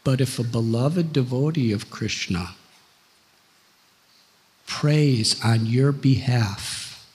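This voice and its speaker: A man voicing a grave elder male creator god, speaking in a measured way. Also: medium pitch, a little mellow, husky, voice pushed down. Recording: long hall reverb.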